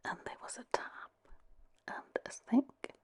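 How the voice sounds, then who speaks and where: A woman with a Welsh accent telling a story in a gentle, breathy, unhurried ASMR whisper. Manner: unhurried, gentle delivery with long pauses. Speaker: host telling a story to listeners.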